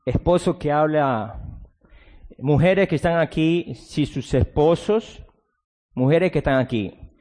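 Preaching in a church's large hall, a male pastor shifts from hushed, low speech to sudden loud outbursts, drawing out words for emphasis. Sometimes he mocks replies given in a soft voice.

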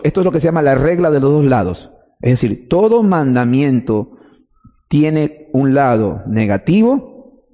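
A man's voice: mid-range voice, warm tone, big-room sound. A man preaching a teaching sermon, explaining step by step and answering his own questions.

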